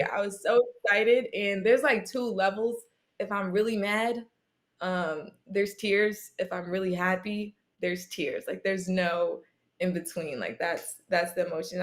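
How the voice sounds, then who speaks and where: Young woman, athlete guest, casual chat, animated storyteller, laughs a lot. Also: mid-range voice.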